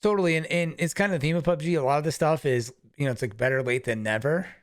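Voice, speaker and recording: A man co-hosting a gaming podcast in casual chat, agreeable and quick to back up his partner. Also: fairly high pitch, no echo, studio quality. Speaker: podcast co-host.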